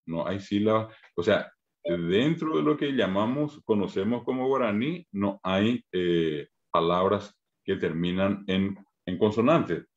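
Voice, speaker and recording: A man's voice: on the low side, lively intonation, muffled recording. Patient man teaching, syllable by syllable. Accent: Paraguayan Spanish. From Paraguay. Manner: patient, spells out syllables slowly. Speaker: Guarani language teacher. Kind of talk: online language lesson.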